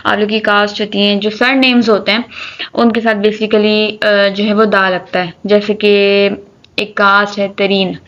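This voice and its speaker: A woman's voice: mid-range voice, a bit bright. Lo-fi woman teaching English grammar. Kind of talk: grammar lesson explaining articles. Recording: dull lo-fi recording.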